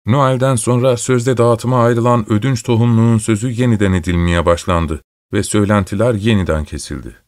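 A man reading a novel aloud in steady, measured audiobook narration. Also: on the low side, no room sound, clean studio sound.

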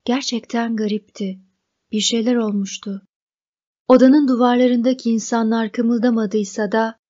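A woman narrating a novel as an audiobook reader, in a measured, even reading. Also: a little high, dull audio. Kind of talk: scripted narration.

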